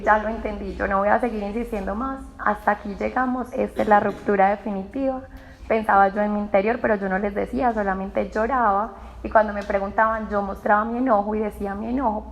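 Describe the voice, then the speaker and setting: A woman's voice: medium pitch, vocal fry, poor audio. A woman with a Colombian accent telling her personal faith testimony, with emotional storytelling that quotes her own past words. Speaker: testimony speaker.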